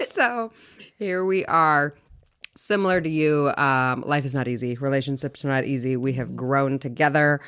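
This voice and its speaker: A woman in her forties, co-hosting a podcast, telling animated stories with frequent laughter. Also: very deep voice, normal speed, clear, resonant tone. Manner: animated storyteller, laughs often. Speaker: podcast co-host. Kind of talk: casual chat.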